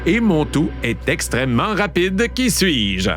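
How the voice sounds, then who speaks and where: A man with a Québécois accent hosting a show, playfully telling riddles and trivia and repeating each clue slowly. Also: fairly high pitch, big pitch swings. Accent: Québécois French. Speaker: podcast host. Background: background music.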